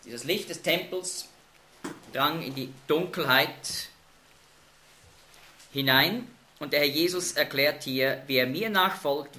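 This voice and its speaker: A man's voice: medium pitch, pushed and bright, roomy sound. A man teaching a Bible study group, explaining verses emphatically and asking the group questions.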